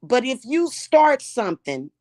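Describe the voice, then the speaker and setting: A woman's voice: fairly high pitch, sing-song, measured pace, darkish tone, no echo, clean studio sound. A woman from Missouri with a Missouri accent, talking to her viewers in a blunt, scornful, mocking monologue. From Kansas City, Missouri. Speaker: spiritual practitioner and channel host.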